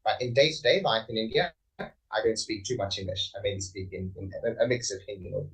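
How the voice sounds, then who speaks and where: A man's voice: on the low side, fast, fairly bright tone, breathy edge, recorded from a distance, low-quality recording. An Australian man speaking on a conference panel, thoughtful, with many fillers and restarts.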